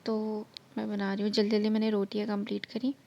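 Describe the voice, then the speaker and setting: A woman's voice: mid-range voice, monotone, fast, vocal fry, dull audio. A woman narrating her cooking vlog, explaining each step in a chatty way, her throat slightly sore. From India. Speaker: vlogger.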